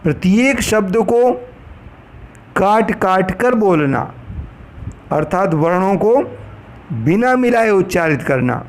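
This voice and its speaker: A man teaching a lesson in a slow, deliberate way, laying out each point one by one. His voice sits high for a man, and he recites verses in a chanting cadence. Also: animated. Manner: slow, measured explanation, recites Sanskrit verses. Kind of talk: lecture on pronunciation for trainee teachers.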